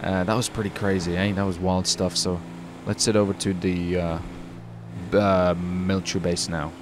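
A man's voice: low-pitched, level tone, normal speed, background noise. A young man from the UK chatting casually while roleplaying in a driving game, rambling and saying "dude" a lot. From United Kingdom. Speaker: roleplay streamer.

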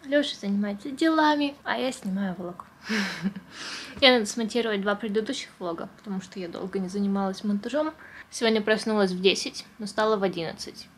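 Woman vlogger, mid-pitched, lisp with slushy sh-like s, informal chatty delivery, slightly noisy recording. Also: a little fast. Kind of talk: casual chatty vlog.

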